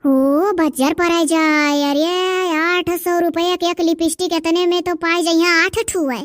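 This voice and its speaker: A woman's voice: extremely high pitch, level tone, a little slow, dry recording, studio quality. A woman voicing a quarrelsome village woman in a cartoon, haggling and complaining about prices in a rustic Awadhi accent. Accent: Awadhi, eastern Uttar Pradesh. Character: bargaining village woman, adult, loud and quarrelsome. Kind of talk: cartoon dub voice acting.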